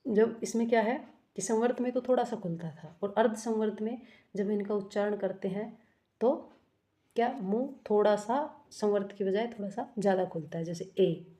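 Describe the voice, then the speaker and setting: Mellow-voiced woman teaching grammar. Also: mid-range voice, moderate pace. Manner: explains step by step, asking and answering her own questions; corrects herself often mid-sentence. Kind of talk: exam-prep grammar lesson.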